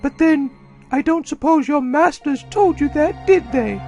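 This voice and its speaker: Shrill snobby noble villain, haughty and jeering, squeaky high, music underneath. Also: male voice, a little slow, vocal fry, a little mellow, highs cut off, full character voice. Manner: haughty, theatrical pronouncements. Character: snobby, unhinged young male aristocrat villain.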